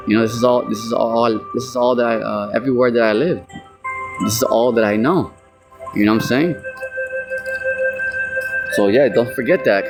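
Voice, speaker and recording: Man from the U.S., informal Bible teaching, rambling, mid-pitched voice, music underneath. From United States. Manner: casual, rambling, repeats "you know". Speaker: street preacher.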